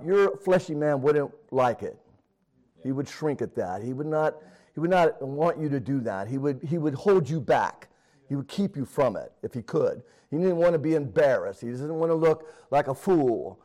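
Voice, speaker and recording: A man's voice: on the high side, dark tone, poor audio. Folksy middle-aged preacher man. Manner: homespun, fills pauses with "uh", restarts. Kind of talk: folksy sermon with prayer and personal story.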